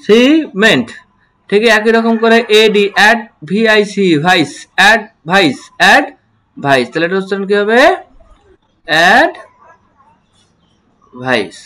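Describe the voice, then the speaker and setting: This man's voice is high-pitched, bright and forceful as he teaches English pronunciation online. He goes through words one letter at a time, says them again slowly, and answers the questions he puts to his students.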